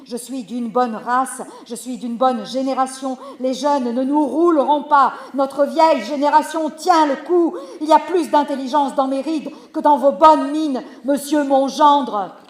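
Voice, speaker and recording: A woman reading aloud as a proud, domineering old mother-in-law, declaiming loudly. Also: high-pitched. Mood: scornful. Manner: haughty, loud and declaiming. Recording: roomy echo.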